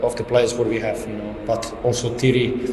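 In his thirties, a football head coach answers the press after a match into a table mic, speaking fairly plainly with many restarts. His lowish, slightly mellow voice comes out flat and brisk, over slight background noise in a reverberant room.

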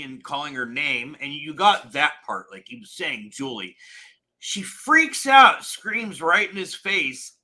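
A man co-hosting a casual film review chat, animated and profane, laughing often. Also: on the high side. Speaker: podcast co-host.

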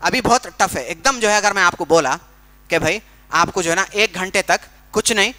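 In a Quran recitation workshop, a man with a high-sitting, sharp-toned voice teaches pronunciation. He explains patiently, uses everyday comparisons, and demonstrates sounds in slow, drawn-out fashion.

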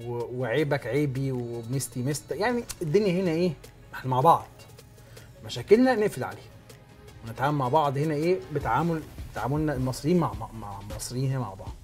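A man's voice: medium pitch, expressive, very fast, a little mellow, soft background music. A man with an Egyptian Arabic accent hosting a sports talk show, explaining points emphatically, step by step.

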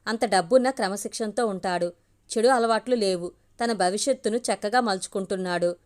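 A woman reading a family story aloud as a steady storyteller. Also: mid-range voice. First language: Telugu.

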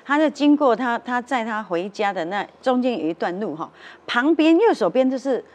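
A woman's voice: a little high, animated, normal speed. A woman with a Taiwanese accent telling a story on a talk show, acting out the voices of the people in it. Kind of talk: animated storytelling. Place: television studio.

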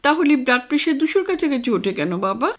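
A woman voicing a playful young adult daughter who gently chides her father. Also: high voice, sing-song, fast talker, pitched above the performer's own voice.

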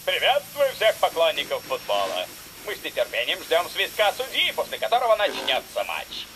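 A man voicing a smooth cartoon TV football announcer. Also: a little high, huge pitch swings, moderate pace, sharp tone, slight background noise, full character voice, poor audio. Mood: announcing. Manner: formal announcer delivery. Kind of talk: cartoon dub acting.

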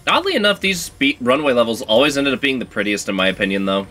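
Male game streamer, bright tone, frustrated outbursts, joking to himself. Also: mid-range voice, big pitch swings, fast talker. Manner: frustrated outbursts and self-mocking jokes. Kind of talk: casual gameplay commentary.

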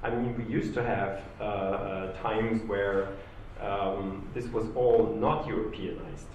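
A man's voice: fairly low pitch, steady tone, takes it slowly, a little mellow, slight background noise. A man on a panel giving his view, hesitant and full of fillers. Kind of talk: panel discussion answer. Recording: echoey room, dull distant mic.

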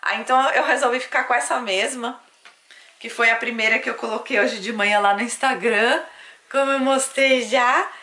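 Chatty bright-voiced Brazilian mom vlogger. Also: female voice, a little high, steady tone, moderate pace. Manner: chatty, doting, talks to her baby. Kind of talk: casual home vlog. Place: at home, bedroom.

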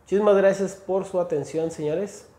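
A man's voice: high voice, steady tone, normal speed, warm tone, roomy sound. A Mexican man, a native Spanish speaker, teaching English phrases in a casual, slangy video lesson, calling out to viewers as he reads examples off a screen. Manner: slangy, addresses viewers as "chavos" and "señores".

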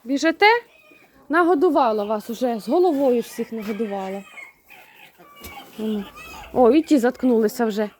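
A woman's voice: on the high side, moderate pace, pauses often. A woman vlogging casually outdoors in her farmyard, chatting to viewers and scolding and shooing her poultry with laughs. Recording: outdoor video with loud farmyard noise. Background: chickens, roosters and fowl clucking and crowing.

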